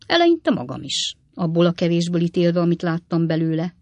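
A reader voicing a cynical, flippant young male law clerk who talks in a mocking, offhand way with swooping pitch, read in a dry studio. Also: big pitch swings, no echo, natural voice.

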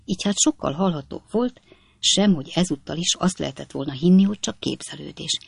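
A man reading a classic novel aloud as audiobook narrator, in measured storytelling. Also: on the high side, vocal fry, slightly rough, no echo. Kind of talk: scripted narration.

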